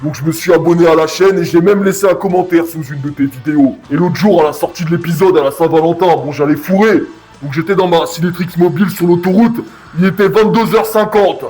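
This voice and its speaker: High-voiced man in a blunt, slangy rant. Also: brisk, darkish tone, faint music behind. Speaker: YouTube anime reviewer. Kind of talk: casual review commentary rant.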